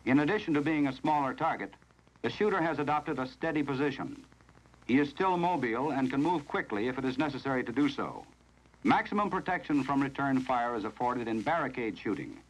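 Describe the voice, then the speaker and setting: The narration comes from an American man with a mid-range voice, reading a script in the formal, deliberate way of a 1970s instructional film on a vintage soundtrack. His intonation is lively, though the recording is rough.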